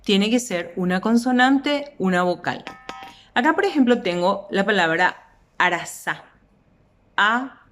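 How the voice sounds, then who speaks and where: Slow, deliberate Paraguayan teacher woman. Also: medium pitch, animated, slight background noise. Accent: Paraguayan Spanish. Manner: slow, deliberate, stretches out example words. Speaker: language teacher. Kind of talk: explanatory lesson.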